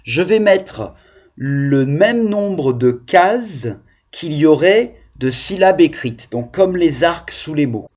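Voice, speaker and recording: A man's voice: a little high, lively intonation, takes it slowly, a little mellow, highs cut off. A male primary school teacher giving a video phonics lesson to young children, patiently sounding out syllables.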